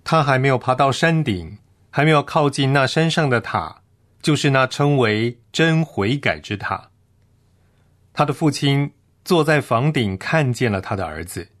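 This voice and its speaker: A man's voice: mid-range voice, lively intonation, measured pace, a bit bright. Earnest solemn male preacher. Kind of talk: read sermon.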